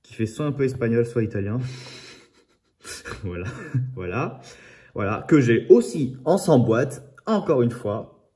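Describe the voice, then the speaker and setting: A man's voice: mid-range voice, expressive, slow pace, long pauses, warm tone. A man in a casual, rambling video chat about his toy car collection, often saying "voilà". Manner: apologises for his own accent.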